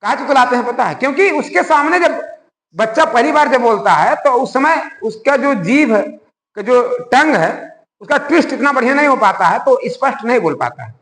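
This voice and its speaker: A man with a very high voice gives a class lecture. His pitch rises and falls a lot, and he often asks the class questions. The recording has a long echo, like a classroom. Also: moderate pace. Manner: animated, conversational, asks the class rhetorical questions. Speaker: school science teacher. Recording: echoey room with long reverb.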